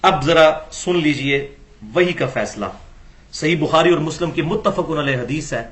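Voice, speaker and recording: High bright-voiced male lecturer. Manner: argumentative, rhetorical questions, acts out quoted dialogue. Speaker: religious lecturer. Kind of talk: recorded religious lecture.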